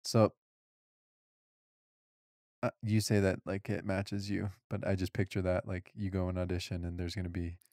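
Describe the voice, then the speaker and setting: A man's voice: sits low, level tone, normal speed, pauses often, a little mellow, dry recording, clean studio sound. A young adult man co-hosting a podcast, teasing and joking in casual chat. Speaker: podcast co-host.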